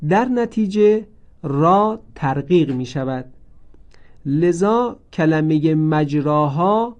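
A man gives a recorded lesson on the rules of Quran recitation, working through each point methodically. His voice sits a little high but stays mellow and soft-edged. He explains every rule and then repeats the examples so listeners can practise. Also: expressive, dull audio.

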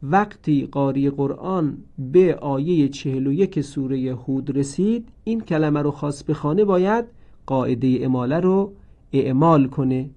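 A man's voice: mid-range voice, warm tone, dull audio. Methodical man teaching recitation rules. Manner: methodical, explains then repeats each example. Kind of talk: step-by-step recorded lesson.

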